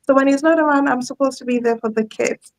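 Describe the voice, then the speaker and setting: A woman's voice: high-pitched, fairly even intonation, fast, vocal fry, low-quality recording. A woman in her thirties, a guest in a live online interview, telling her story in a chatty way and laughing often.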